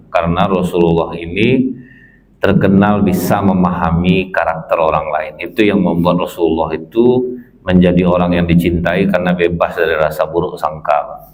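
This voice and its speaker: A man's voice: deep voice, darkish tone. A male preacher delivering a folksy mosque sermon, constantly addressing the congregation as sir and ma'am. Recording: slightly dull lo-fi recording.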